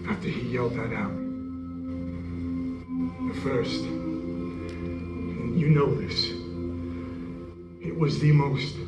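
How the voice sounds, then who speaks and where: A man playing an awed, stammering Roman centurion. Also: on the high side. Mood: urgent. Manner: halting, stammering retelling. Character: earnest Roman centurion soldier, awed eyewitness. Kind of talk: church stage monologue. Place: church hall. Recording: echoey hall, dull sound, faint music.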